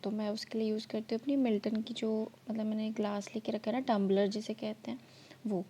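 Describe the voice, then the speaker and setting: A woman's voice: mid-range voice, little pitch movement, a little fast, dark tone, a little hiss or hum. A woman narrating her cooking vlog, explaining each step in a chatty way, her throat slightly sore. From India. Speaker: vlogger.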